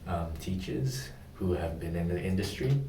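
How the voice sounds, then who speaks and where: In a practice job interview, a young man from Indonesia responds in a deep, flat tone, pausing often and saying "um" while hunting for words. The mic picks him up from a distance, with noticeable room echo and faint background noise.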